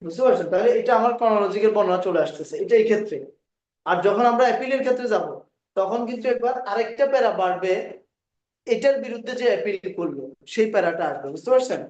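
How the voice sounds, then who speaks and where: A male law lecturer with a Bangladeshi accent, giving a classroom lecture, dictating legal phrases slowly and often checking that students follow. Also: high-pitched, darkish tone. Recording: distant, echoey, dull room recording.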